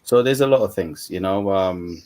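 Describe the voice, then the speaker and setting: Very deep-voiced man, easy casual talk. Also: normal speed, darkish tone. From Uganda, then UK. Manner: casual, repeats "you know". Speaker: coach and mentor, panel guest. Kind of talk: online panel discussion. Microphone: video call.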